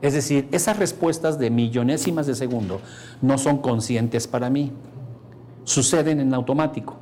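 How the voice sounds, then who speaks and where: A man's voice: mid-range voice, slight background noise. A man giving a lecture to an audience, asking them questions and acting out the voices he quotes. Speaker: course speaker.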